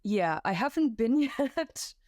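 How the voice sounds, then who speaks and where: A woman's voice: a little high, sing-song, slow, a little mellow, no echo, studio quality. A young woman from Belgium, a podcast guest, talking casually and self-deprecatingly with many fillers and restarts, at home. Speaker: guest, climbing competition volunteer. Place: floor of a new room at home. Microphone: home setup.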